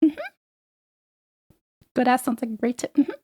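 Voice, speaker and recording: A woman's voice: high voice, steady tone, moderate pace, dark tone, husky. A young woman streaming, chatting casually and rambling, laughing often and swearing freely. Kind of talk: casual livestream chat.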